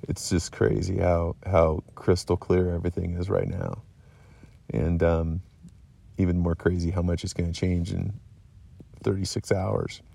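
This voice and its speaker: Tired guy rambling slow at his tent at night, low gravelly voice. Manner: relaxed, rambling, many ums and restarts. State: tired, yawning. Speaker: hunter vlogger. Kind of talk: casual night camp vlog recap. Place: outdoors at a mountain camp by a tent at night.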